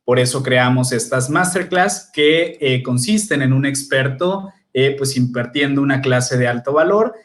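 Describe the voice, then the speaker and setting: A man, hosting an online masterclass with formal, measured introductions. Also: mid-range voice. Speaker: host.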